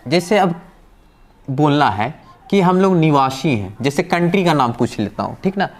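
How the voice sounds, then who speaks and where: A man's voice: fairly high pitch, expressive, normal speed. Male teacher drilling questions and answers. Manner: patient, step-by-step explaining. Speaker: language teacher. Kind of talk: classroom-style vocabulary lesson.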